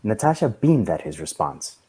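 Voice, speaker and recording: A man reading a story aloud in a measured storytelling manner. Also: lowish voice, big pitch swings, dark tone, slightly rough. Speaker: reader.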